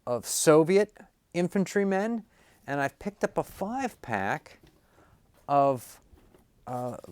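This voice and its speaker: A man's voice: on the high side, slow pace, clear, resonant tone, no room sound. A man talking casually to camera, rambling with lots of fillers as he explains and unboxes a package. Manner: relaxed, rambling with many fillers. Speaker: toy collector vlogger.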